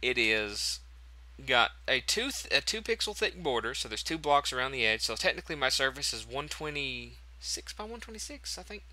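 A man's voice: medium pitch, sing-song, normal speed, bright, forceful tone. A man hosting a casual game tutorial, chatty and thinking aloud as he corrects himself. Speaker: tutorial host.

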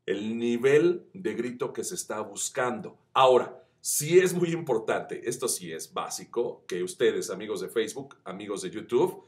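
A man teaching voice acting, chatty and encouraging, who demonstrates shouts that climb up the pitch scale. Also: lively intonation, normal speed, few pauses. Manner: addresses viewers as friends, chatty and encouraging. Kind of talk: tutorial.

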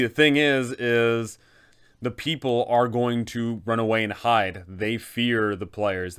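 With a clear, resonant voice on the low side, a male game master in his thirties hosts an explanatory guide to a tabletop adventure. He gives his advice emphatically and methodically.

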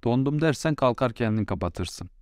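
A man doing a defiant, sharp-tongued young wife. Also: mid-range voice, expressive, normal speed, clear, resonant tone, dry recording, studio quality, voice pushed up, lightly acted. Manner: scornful, retorting loudly.

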